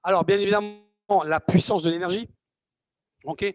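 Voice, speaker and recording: A man's voice: sits high, fairly even intonation, normal speed, no echo, muffled recording. A man giving a live motivational talk to an audience, emphatic and repetitive, with many fillers. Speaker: motivational speaker.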